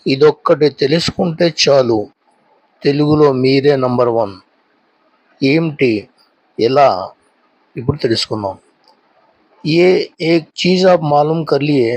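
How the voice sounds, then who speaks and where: Slightly high-voiced man teaching patiently. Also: a little mellow, no room sound, poor audio. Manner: explains each point twice, switching between two languages; slow, deliberate drilling of sounds. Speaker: Telugu teacher. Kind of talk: spoken language lesson.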